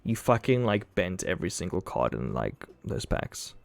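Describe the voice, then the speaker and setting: A man's voice: deep voice, very animated, moderate pace, vocal fry, dry recording. A man chatting casually on a live stream, telling loose, profane stories and acting out what people said. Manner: loose, profane storytelling with acted-out quotes.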